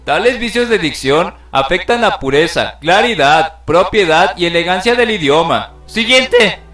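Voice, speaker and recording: A man's voice: high-pitched, lively intonation, normal speed, fairly bright tone, roomy sound, far from the mic, faint music behind. Theatrical man narrating a lesson. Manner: theatrical, exclaims in mock outrage. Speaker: video narrator. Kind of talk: playful educational narration.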